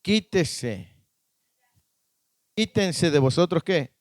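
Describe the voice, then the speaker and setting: A man's voice: a little high, lively intonation, extremely slow, no room sound. A man preaching a sermon as pastor, often quizzing the congregation with short questions. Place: church.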